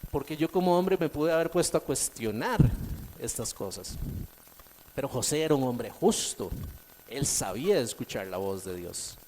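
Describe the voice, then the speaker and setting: A man preaching a sermon, swinging between emphatic and soft delivery and repeating key phrases for emphasis. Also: mid-range voice, lively intonation, normal speed, a little hiss or hum.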